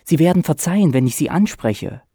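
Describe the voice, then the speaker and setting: A man's voice: a little high, animated, fairly quick, mellow, husky, dry recording, studio quality, pitched above the performer's own voice. A man reading a story aloud, voicing a shy but chatty, cheerful stranger in his mid-forties who speaks with eager politeness. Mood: politely eager.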